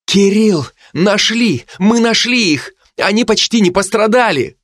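An excitable young female healer, as a man puts her on in an audiobook, her voice pushed high. The recording is dry and close. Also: measured pace, dry recording, full character voice. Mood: excited.

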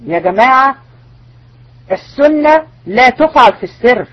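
A woman's voice: high voice, lively intonation, normal speed, muffled recording. A woman religious teacher with an Egyptian accent, giving an online lecture full of rhetorical questions and insistent warnings. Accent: Egyptian Arabic.

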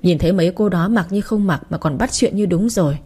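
Woman audiobook narrator, chatty and wry, warm husky tone. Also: on the low side, quick pace. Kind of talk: first-person audiobook narration.

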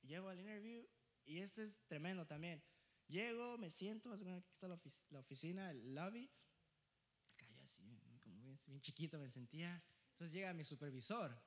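A young man preaching, telling a personal story in a lively, joking way, often laughing and slipping into English phrases. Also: fairly high pitch, a little fast. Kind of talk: storytelling sermon.

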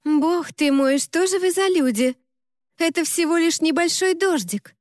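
A woman voicing a lively, bossy young woman who teases her friends in an audiobook. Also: high-pitched, normal speed, dry recording, studio quality, voice pushed up. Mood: playful. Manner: exclaiming, brash, mock-scolding.

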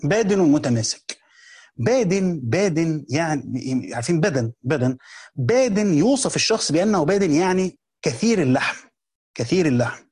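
A man's voice: a little high, very animated, normal speed, a little mellow, husky. A man with an Egyptian accent explaining a classical text in a colloquial lesson, repeating key phrases and restarting words as he goes. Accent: Egyptian Arabic. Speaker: teacher of a hadith book.

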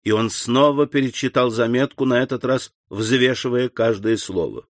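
A man's voice: medium pitch, normal speed, dry recording. Man narrating an audiobook, dry sound. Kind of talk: scripted narration.

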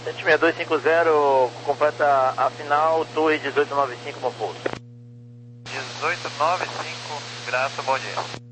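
A Brazilian man speaks as an air traffic controller over crackly radio. His voice sits a little high, and his phrasing is clipped and procedural. Clear noise and static run through the transmission. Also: steady tone, measured pace, long pauses. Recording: crackly, noisy aviation radio.

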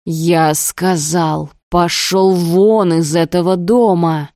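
A furious young brother , put on by a woman narrator, speaks slowly and harshly through clenched teeth. The voice sits a little low and mellow on a dry, close recording. He is the protective older brother of an audiobook scene. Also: steady tone, dry recording. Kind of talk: audiobook dialogue.

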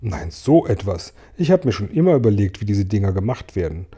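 A man voicing a grumpy, sharp-tongued centipede in a storybook reading, snappish and sarcastic. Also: on the low side, big pitch swings, fairly quick, husky.

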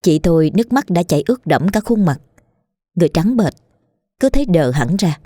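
A woman reading a horror story aloud in a steady, measured and grim narration. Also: fairly low pitch, no room sound, clean studio sound.

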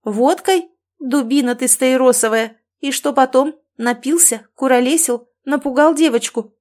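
A loud, bossy middle-aged mother storms through this audiobook scene, her voice pushed high and shrill. She scolds in a shouting rush and never settles down, all done by a woman narrator. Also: lively intonation, normal speed, close to an everyday voice. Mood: scolding. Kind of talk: audiobook character voice.

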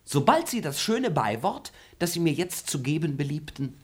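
In a classic stage-style radio play, a male actor voices a cheeky, scheming young manservant who lies and mocks his master, laughing at him teasingly. His husky voice swings widely in pitch at a normal pace, with a sly, mocking mood.

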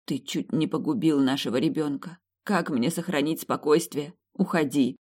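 A woman's voice: low-pitched, normal speed, a little mellow. A woman reading as a bitter, wounded young wife. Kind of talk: audiobook story reading.

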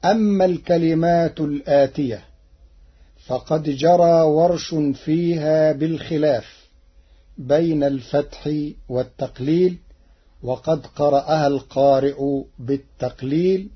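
A man's voice: fairly high pitch, a little slow, husky, muffled recording. A man giving methodical explanatory commentary on Quran recitation variants, from an archival radio broadcast. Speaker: recitation presenter.

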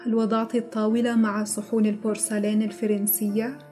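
A woman playing an elderly general, calm, brooding, quiet, low-voiced, dark mellow tone, even pitch, audiobook. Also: quick pace, soft background music, close to an everyday voice. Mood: quiet, reminiscing.

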